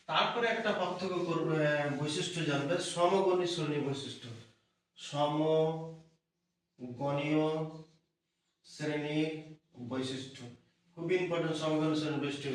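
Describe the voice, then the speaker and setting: A male teacher giving an exam revision lesson, asking questions and answering them himself. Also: a little high. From West Bengal. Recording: echoey room from far off.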